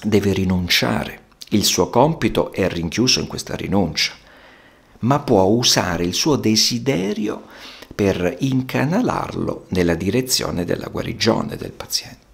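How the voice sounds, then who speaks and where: A man with a very low voice and a gravelly, creaky texture talks about therapy in an unhurried, reflective way. His phrasing is measured and almost poetic, as he lets each thought settle before the next. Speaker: psychotherapist. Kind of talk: slow reflective monologue.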